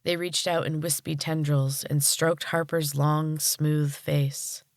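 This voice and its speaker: Gravelly woman reading a story aloud. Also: sits low, level tone, slow pace, dry recording, studio quality. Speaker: podcast host reading a story. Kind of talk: storybook narration.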